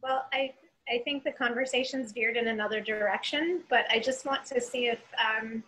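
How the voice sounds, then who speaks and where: Woman questioner, tentative, bright and higher voice, faint noise behind. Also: moderate pace, low-quality recording. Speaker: audience member asking a question. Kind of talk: question on a video call. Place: home room. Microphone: video call.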